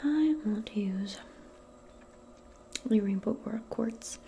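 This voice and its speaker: This soft-spoken ASMR personal attention role play features a woman playing a modern witch in a medium-pitched, breathy near-whisper. Unhurried, gentle and conversational, she soothes the listener while faint noise sits behind her voice.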